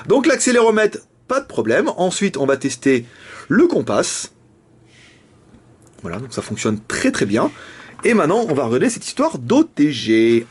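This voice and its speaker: A man's voice: on the high side, breathy edge. A young man with a casual, jokey manner, reviewing a phone and often laughing. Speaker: tech reviewer.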